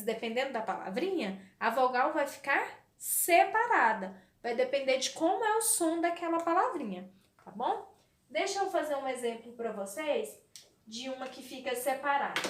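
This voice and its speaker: A woman's voice: high voice, reverberant. A woman teaching a literacy lesson to young children with a Brazilian Portuguese accent, speaking in a sing-song way and answering her own questions. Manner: sing-song, slow and drawn out, asks questions and answers them herself. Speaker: primary school teacher.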